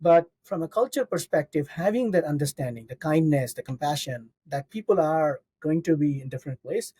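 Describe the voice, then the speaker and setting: A man's voice: a little high, expressive, a little fast, warm tone, breathy edge. A man answering in a podcast interview in a reflective way, often checking in with a "right?". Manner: reflective, frequent "right?" tags. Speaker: executive guest.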